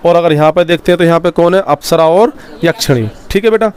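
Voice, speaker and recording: A male teacher giving a dictation-style history lecture, slowly repeating phrases so students can write them down and addressing them warmly as children. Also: fairly high pitch, clean tone.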